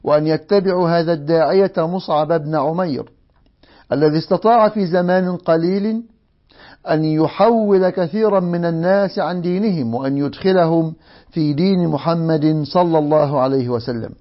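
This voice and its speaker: High-voiced Egyptian sheikh reading a story. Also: male voice, moderate pace. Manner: reads a text aloud and breaks off to explain it in colloquial speech. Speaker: sheikh teaching a religious lesson. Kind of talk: religious lesson, reading a story aloud with commentary. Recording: dull lo-fi recording.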